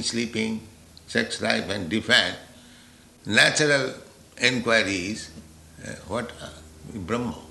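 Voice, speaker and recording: Male spiritual teacher, slow and deliberate, forceful gravelly voice, roomy echo. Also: medium pitch. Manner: deliberate, with rhetorical "huh?" checks. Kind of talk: philosophical lecture.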